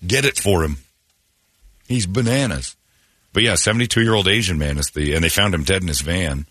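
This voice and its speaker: Blunt, low-voiced man ranting. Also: normal speed, pushed and bright, slightly rough, no room sound, studio quality. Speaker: radio show host. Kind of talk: casual talk radio chat.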